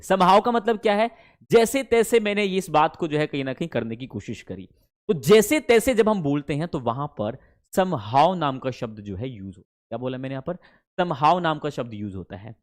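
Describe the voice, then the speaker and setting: Lively-pitched teacher, man. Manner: addresses students fondly as kids, mixes Hindi and English; slows down and stretches English phrases. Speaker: English teacher. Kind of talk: online spoken-English class.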